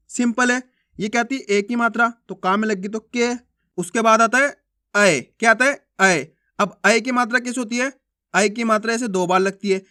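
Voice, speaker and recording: A man teaching a friendly alphabet lesson, asking the viewer questions and repeating each sound slowly and drawn out. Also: high-pitched, pushed and bright.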